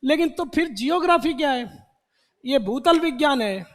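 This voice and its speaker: A man's voice: very high voice, lively intonation, normal speed, fairly bright tone. A man teaching vocabulary to a class, repeating words and quizzing students with questions. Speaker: English teacher. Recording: long hall reverb.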